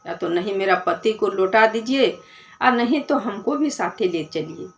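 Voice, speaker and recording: A woman's voice: medium pitch, unhurried, slight background noise, natural voice. A woman voicing a young grieving wife who prays and pleads with God. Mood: pleading prayer. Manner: pleading, prayerful.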